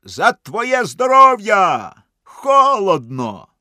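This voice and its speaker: A man voicing his tipsy, clumsy hunter friend, who yells from a distance and stammers sheepishly. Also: on the high side, expressive, slow, no echo, studio quality. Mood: panicked shouting. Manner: shouting from afar, then stammering.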